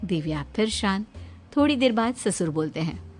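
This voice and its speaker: A woman narrating an audio story in a lively, expressive way. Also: medium pitch, normal speed, faint music behind.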